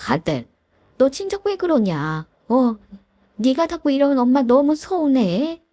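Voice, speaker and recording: A woman's voice: sits high, big pitch swings, a little slow, mellow, no echo, studio quality, voice pushed up, exaggerated voice. A woman voicing a domineering middle-aged mother-in-law who scolds and whines reproachfully.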